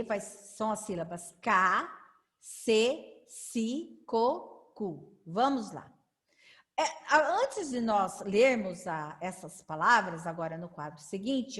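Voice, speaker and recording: A woman teaching a children's literacy lesson, drawing out syllables and asking the children to read along. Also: mid-range voice. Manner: slow, drawn-out syllables for children to repeat; sing-song, encouraging classroom prompts.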